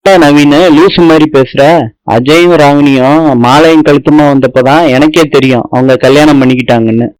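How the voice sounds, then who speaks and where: A man's voice: on the high side, fairly even intonation, normal speed, darkish tone, clean tone, close to an everyday voice, rough recording. A man reading the lines of a defensive middle-aged tailor, in his own plain voice.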